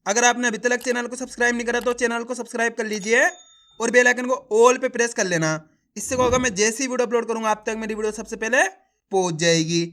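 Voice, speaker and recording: A man's voice: extremely high pitch, a bit bright. A man teaching a beginner reading lesson, calling viewers his friends and drilling syllables over and over.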